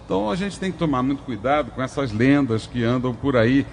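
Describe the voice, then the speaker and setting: A man's voice: mid-range voice, lively intonation, brisk, a little hiss or hum. An older man, a former judge hosting a legal talk show, who gives earnest warnings and advice. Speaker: host and former juvenile court judge.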